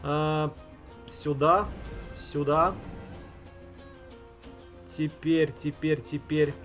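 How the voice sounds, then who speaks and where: A man's voice: on the high side, level tone, drawn-out words, a bit bright. A man giving casual, slangy gameplay commentary, thinking aloud and repeating himself. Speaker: gaming streamer. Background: game music.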